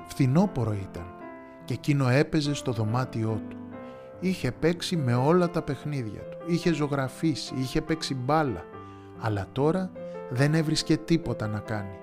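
A man hosting a storytelling podcast, reading a fairy tale in a calm, measured way. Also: mid-range voice, music in the background. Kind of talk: scripted storybook narration.

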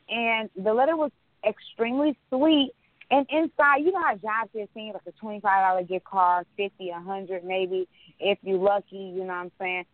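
A woman's voice: medium pitch, no room sound. A woman hosting a podcast in casual, conversational chat. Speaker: podcast host. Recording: dry, thin phone-line sound.

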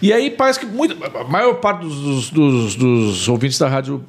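A man's voice: mid-range voice, expressive, normal speed. A man with a Gaúcho accent hosting a podcast, prodding his guests with curious questions. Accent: Gaúcho Brazilian Portuguese. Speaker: podcast host. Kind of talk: casual interview chat.

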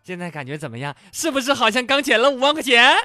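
Comic old-lady swindler, shrill and wailing, put on by a man. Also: sing-song, fast, sharp tone, no room sound, exaggerated voice. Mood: teasing. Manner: whiny, shrieking wails. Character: scheming old woman, a wailing con artist.

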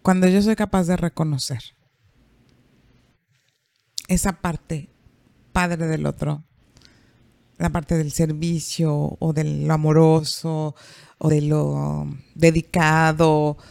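Calm woman, gravelly dry voice. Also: low voice, slow pace, long pauses, dry recording. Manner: calm, explanatory, asks herself rhetorical questions. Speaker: psychologist. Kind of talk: podcast conversation.

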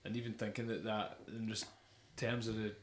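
A man's voice: on the low side, little pitch movement, moderate pace, slight background noise. A young man hosting a casual music podcast, rambling enthusiastically with many fillers. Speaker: podcast host. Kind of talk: casual chat about music. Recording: echoey room.

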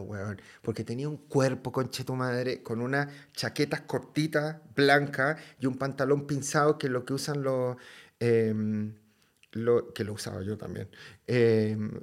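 A medium-pitched man from Chile, speaking with a Chilean accent, appears as a podcast guest. He tells a story in a casual, lively way, packed with slang and swearing.

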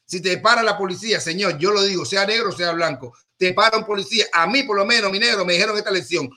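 High, bright-voiced joking man. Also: quick pace. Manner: rambling, joking, repeats phrases and restarts. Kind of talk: joking monologue on a talk show.

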